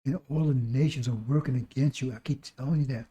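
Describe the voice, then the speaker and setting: A man preaching with a hoarse, recovering voice, exhorting through repetition and rhetorical questions. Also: medium pitch, steady tone, quick pace, warm tone, highs cut off. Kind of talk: sermon.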